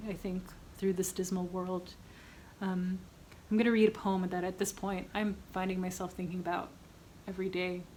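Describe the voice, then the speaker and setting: A woman speaks informally in a remembrance, with a level tone and halting phrases. Faint background noise sits behind her self-recorded message. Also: medium pitch, a little mellow, low-quality recording. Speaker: poetry reader. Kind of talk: informal spoken tribute introducing a poem.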